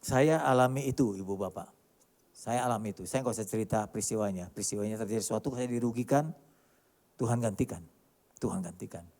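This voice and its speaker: A male pastor preaching a sermon emphatically, with many rhetorical questions and sharp swings between loud and quiet delivery. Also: medium pitch. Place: large church hall. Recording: church hall reverb.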